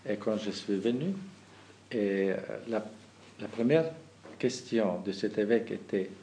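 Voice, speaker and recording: Slow-talking bishop. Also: male voice, on the low side, warm tone, slight background noise. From Kazakhstan. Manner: halting, many restarts and fillers, laughs at own anecdotes. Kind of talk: talk to the faithful.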